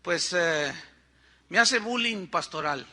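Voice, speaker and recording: A man's voice: high-pitched, expressive, slow, sharp tone, a little hiss or hum. An older Mexican man, a pastor, preaching a sermon in a conversational storytelling way, with frequent asides to the congregation.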